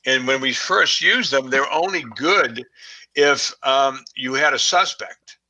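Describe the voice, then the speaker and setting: A man with a Boston accent, talking as a guest expert in a casual discussion, pausing often with fillers and restarts. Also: medium pitch, bright, forceful tone, poor audio. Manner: halting, many fillers and restarts.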